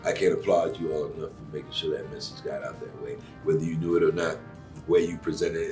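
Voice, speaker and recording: An actor and acting teacher from Cuba, a middle-aged man with an extremely deep voice, talks through his thoughts as a guest in a casual interview. He is earnest, warm-hearted and emphatic, using plenty of fillers. A microphone some distance away picks him up, with faint music underneath.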